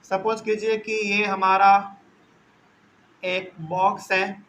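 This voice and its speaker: A man's voice: high-pitched, little pitch movement, takes it slowly, fairly bright tone, a little hiss or hum, low-quality recording. A man teaching a math lesson, explaining step by step and asking questions before answering them himself.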